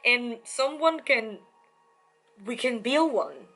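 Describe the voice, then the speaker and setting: A woman giving a casual tarot reading to camera, chatty and excitable, speaking straight to the listener. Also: a little high, slow, soft background music. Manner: excitable, chatty, with frequent laughs and fillers; addresses the listener warmly and directly. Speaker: tarot reader.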